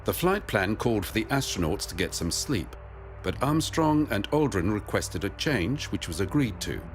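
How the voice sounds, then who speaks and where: Male doc narrator, lowish voice, very varied pitch, scripted read with music behind. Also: very animated, moderate pace. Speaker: documentary narrator.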